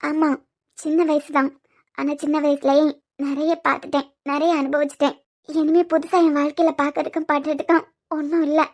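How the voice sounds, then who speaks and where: A heartbroken young wife, played by a woman, in a cartoon. Her voice is very high and quick, but she speaks quietly and pleads to be left alone. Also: flat delivery. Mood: hurt. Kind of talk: cartoon voice acting.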